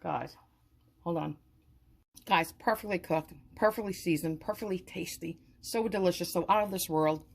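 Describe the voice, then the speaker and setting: A woman with a lowish voice chats through a home cooking demonstration, calling out to her viewers and heaping praise on the food. Her delivery is casual and eager, with frequent fillers. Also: moderate pace, creaky. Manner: enthusiastic, repeats "guys" and praise words.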